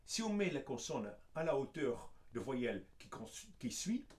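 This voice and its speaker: A man's voice: mid-range voice, very animated, normal speed. A male vocal coach giving a singing lesson, patiently explaining consonants and then singing short examples. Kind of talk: singing lesson with sung demonstrations.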